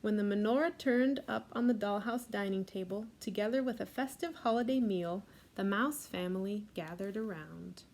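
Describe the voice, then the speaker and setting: At a library storytime, a woman reads a picture book aloud at a normal speed and offers soft comments on the illustrations. Her voice sits in the mid range.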